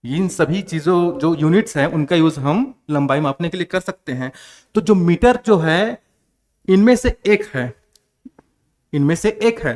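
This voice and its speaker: A man from India with a Chhattisgarh accent, teaching a grammar class. He asks questions and answers them himself. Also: on the high side. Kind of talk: classroom lecture. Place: coaching class.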